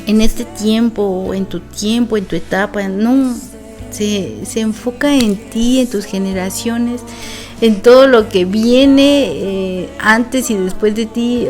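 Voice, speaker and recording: A woman's voice: a little high, darkish tone. A woman, a guest sharing a personal testimony in an earnest, reflective way, with many fillers.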